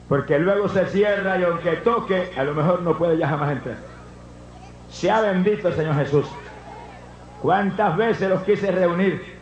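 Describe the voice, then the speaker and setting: A man preaching a fervent revival sermon to a congregation, breaking into loud shouts of praise. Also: sits high. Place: church hall. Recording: echoey, dull lo-fi church recording.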